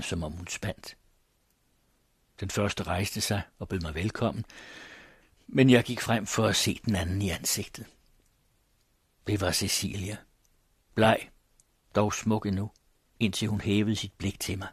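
A man with a low, husky voice reads a classic story in measured, solemn tones. The recording is close and dry, with no room sound. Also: no echo. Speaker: audiobook narrator. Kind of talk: scripted literary narration.

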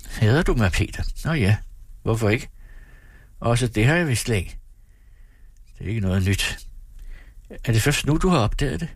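A man's voice: medium pitch, animated, long pauses, dry recording, studio quality, voice pushed up. A man voicing a defiant, ironic wife who answers her husband coolly and mockingly.

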